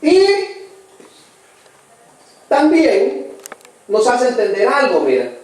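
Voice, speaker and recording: A man's voice: very high-pitched, huge pitch swings, slow, a little mellow. A man preaching a sermon with a Salvadoran accent, earnest and emphatic, calling his listeners brother again and again. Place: church hall. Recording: very echoey church, voice from far off the mic.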